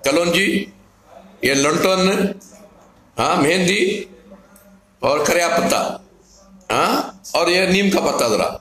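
A man explains home remedies as a herbal healer, talking slowly in a fairly high voice. He repeats each step plainly, and the room gives his voice a roomy echo. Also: expressive, a bit bright. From Karnataka, India. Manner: repetitive, plain step-by-step instructions.

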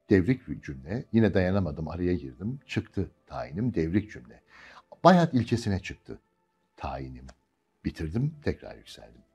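A male diction teacher with a warm, mellow voice and very lively, rising-and-falling pitch. He reads a practice text and keeps breaking in to explain stress, stretching out words syllable by syllable. Soft music plays faintly behind him. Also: husky.

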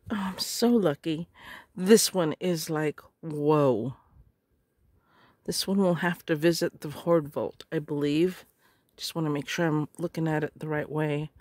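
A middle-aged woman with a slightly hoarse voice gushes over each craft supply she unwraps, often clearing her throat. Her voice sits a little low and she speaks slowly, lingering on her words. The sound is close and dry, with no room echo. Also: darkish tone. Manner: gushing, slow and murmuring. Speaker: craft vlogger. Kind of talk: casual unboxing chat.

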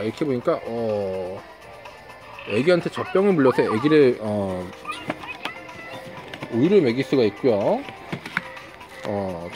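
A woman with a deep voice chats through a toy review, exclaiming in wonder at each new find. Her pitch leaps and dips with lively swings. Music plays clearly behind her. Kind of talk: excited toy review vlog. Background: background music.

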